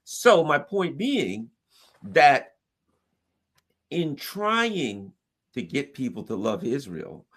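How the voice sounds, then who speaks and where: A man's voice: medium pitch, sing-song, extremely slow, pauses often, a bit bright. A man talking politics in an emphatic, sarcastic way, mocking the people he criticizes. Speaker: political commentator. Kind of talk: animated political discussion.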